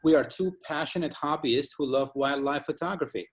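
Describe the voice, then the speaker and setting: Albanian-accented male interviewer, careful and formal, many pauses. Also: on the high side. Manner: formal, careful wording with frequent hesitation fillers. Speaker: interview host. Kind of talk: semi-formal hosted interview.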